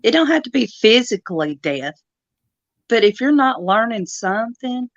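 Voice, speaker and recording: A woman's voice: a little high, sing-song, moderate pace, dry recording. A woman hosting a casual live stream chat, chatty and laughing often, with homespun turns of phrase. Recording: dull lo-fi dry sound.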